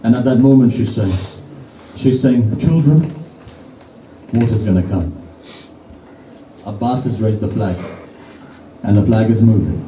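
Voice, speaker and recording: Dark-voiced man preaching from afar. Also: fairly low pitch, steady tone, moderate pace, long pauses, slight background noise. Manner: emotive, dramatic retelling in short lines. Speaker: majlis preacher. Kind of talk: sermon storytelling. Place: gathering in a private home. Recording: roomy sound from a distant mic.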